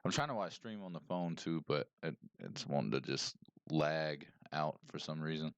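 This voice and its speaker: A deep, low-pitched man in his thirties talks to his stream chat through a headset mic, rambling and chatty, greeting viewers one by one. The livestream audio is close and dry, with a smooth, clean tone. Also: normal speed, no room sound, dull audio.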